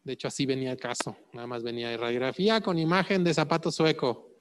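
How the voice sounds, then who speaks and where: A man's voice: mid-range voice, steady tone, quick pace, long reverb tail, slight background noise. A man lecturing on clinical cases, asking rhetorical questions and checking in with "ok?". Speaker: medical exam prep lecturer.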